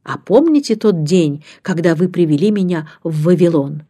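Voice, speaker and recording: Dreamy, grateful gentleman scholar from a storybook, low and mellow, a woman reads him with a soft hush. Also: normal speed, lightly acted. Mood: wistful.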